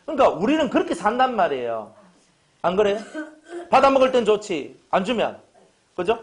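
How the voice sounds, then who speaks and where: Male pastor, high voice, joking sermon, plays out dialogues. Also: brisk. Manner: animated, joking, acts out little dialogues. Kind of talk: humorous sermon.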